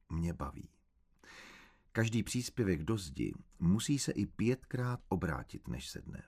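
Brief: deep-voiced man, calm measured first-person book narration. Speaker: audiobook narrator.

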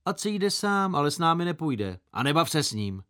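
A man's voice: a little high, very animated, fairly bright tone, clean tone, pitched above the performer's own voice. A man voicing a bossy schoolboy who firmly tells the others what to do. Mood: commanding.

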